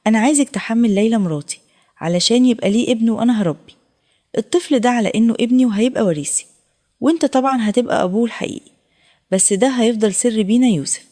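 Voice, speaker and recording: A woman's voice: fairly high pitch, rapid-fire, big-room sound, lightly acted. A woman voicing a pleading middle-aged husband. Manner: soft, begging tone.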